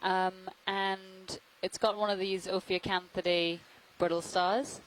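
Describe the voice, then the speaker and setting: A woman giving live, thoughtful commentary with frequent ums as science narrator on a deep-sea livestream. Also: level tone, measured pace, a little hiss or hum, poor audio.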